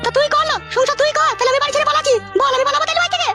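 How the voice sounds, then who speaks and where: A woman voicing village women in a comedy cartoon, shrill, scolding and lamenting. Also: fairly even intonation, very fast, pushed and bright, soft background music.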